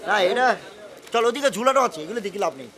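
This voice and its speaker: A man in a TV drama, briskly directing others around a clothes shop. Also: very high-pitched, lively intonation, a crowd in the background. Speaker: actor in a TV drama. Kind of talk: scripted TV drama dialogue. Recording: loud music over the voice.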